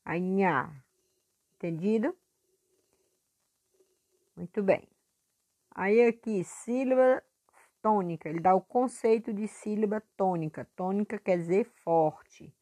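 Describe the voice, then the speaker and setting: A woman teacher recording a lesson review for her pupils, patient and clear, stretching words out to stress syllables. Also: mid-range voice, unhurried, long pauses, warm tone.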